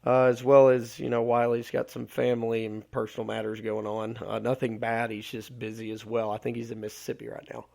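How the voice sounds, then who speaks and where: A man's voice: medium pitch, little pitch movement, brisk, creaky, hardly any pauses, a little mellow. A man from Alabama, hosting a solo live podcast, losing his voice and rambling with many filler words. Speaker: podcast host.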